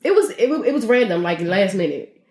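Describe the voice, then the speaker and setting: A woman co-hosting a podcast, telling stories in a casual, animated, slangy way and laughing often. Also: mid-range voice, fairly quick. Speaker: podcast co-host. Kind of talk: casual chat. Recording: echoey room.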